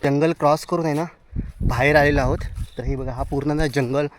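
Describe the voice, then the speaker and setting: On a casual vlog, a man from Konkan, India, talks while walking through forest and fields gathering wild mushrooms, his Konkan Marathi accent clear as he keeps pointing things out for viewers. His voice is on the high side, a little fast, with fairly even intonation.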